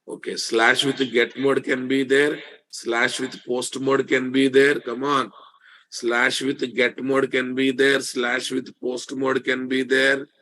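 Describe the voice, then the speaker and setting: A man's voice: medium pitch, level tone, slow, bright, forceful tone. A man with a Telugu Indian accent lecturing live online as a programming instructor, repeating statements emphatically and checking in with rhetorical questions.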